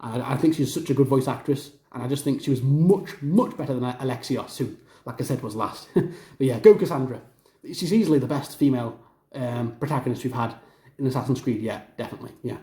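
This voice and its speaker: A man's voice: medium pitch, brisk, dark tone. A man hosting a gaming ranking video, talking enthusiastically and rambling with many fillers and restarts. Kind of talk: casual ranking commentary. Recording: roomy echo.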